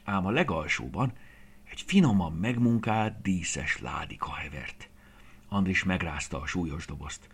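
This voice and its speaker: A man narrating a children's story in an expressive, lively reading voice, sometimes dropping to a whisper. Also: deep voice, gravelly, husky.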